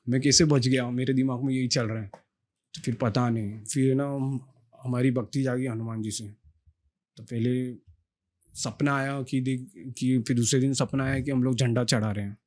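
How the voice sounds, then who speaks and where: A man's voice: medium pitch, steady tone, moderate pace, darkish tone. A young man, a podcast guest, telling a long personal story in a casual, earnest way, with lots of restarts and fillers.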